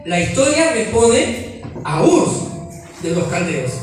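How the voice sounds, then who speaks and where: A man's voice: sits high, sing-song, a little hiss or hum. A man preaching a sermon in a church, asking his congregation questions. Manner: questions the congregation, voseo, slow emphatic delivery. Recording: echoey hall, distant mic, faint music.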